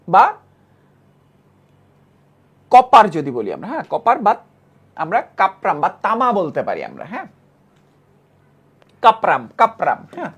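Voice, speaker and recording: A woman's voice: medium pitch, slightly rough. A woman teaching a chemistry lesson who repeats key terms and keeps checking that students follow. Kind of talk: classroom lecture.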